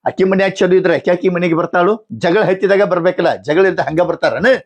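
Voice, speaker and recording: A man with a North Karnataka Kannada accent playing a stern elder brother and husband who rebukes his wife and gives gruff orders. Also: high-pitched, fairly even intonation, quick pace. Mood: rebuking.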